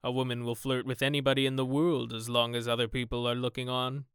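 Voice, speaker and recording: A man playing a witty, cynical aristocratic gentleman with a languid, drawling manner. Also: mid-range voice, level tone, fast, clean tone, no echo, clean studio sound, natural voice. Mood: amused, cynical.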